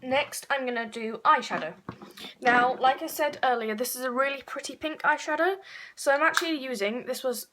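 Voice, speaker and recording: A woman's voice: high-pitched, normal speed, bright, forceful tone, slight background noise. A woman chatting her way through a makeup tutorial, rambling and correcting herself as she goes. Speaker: beauty vlogger.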